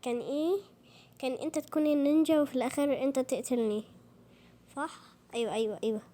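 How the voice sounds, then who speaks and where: A woman with an Egyptian Arabic accent, narrating a game role-play in a playful, animated way and voicing its characters in formal Arabic. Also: sits high, very fast. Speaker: channel host.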